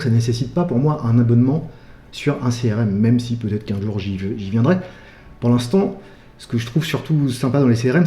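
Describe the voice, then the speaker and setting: A French man with a mellow, darker tone explains his work casually, peppering his sentences with "bah" and "euh". He is a wedding photographer sharing tips, recorded in a room that sounds noticeably echoey. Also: medium pitch. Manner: chatty, full of fillers like "bah" and "euh". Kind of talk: casual tutorial talk.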